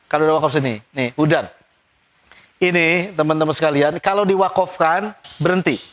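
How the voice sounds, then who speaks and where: A man teaching Quran recitation rules, explaining quickly and chanting examples slowly and drawn out. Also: fairly high pitch, a bit bright. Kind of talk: tajwid lesson with recited examples.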